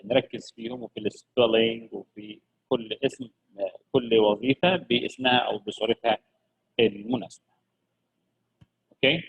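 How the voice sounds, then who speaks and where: A man leads a children's English lesson in a gravelly, slightly husky voice. He coaxes his pupils along, drawing each word out and saying it again and again. The recording sounds dull and lo-fi. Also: mid-range voice. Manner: lively, coaxing, repeats words slowly for pupils. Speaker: English teacher.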